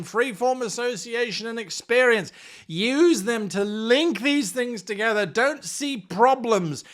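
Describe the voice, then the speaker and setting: Theatrical and over the top, a man gives game master advice in a tabletop role-playing lesson, acting out bits of mock dialogue. He speaks in a very high-pitched voice with a fairly bright tone.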